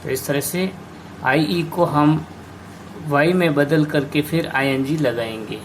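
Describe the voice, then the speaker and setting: A man teaching an English grammar lesson, slowly explaining rules and spelling out words letter by letter. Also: a little high, slight background noise.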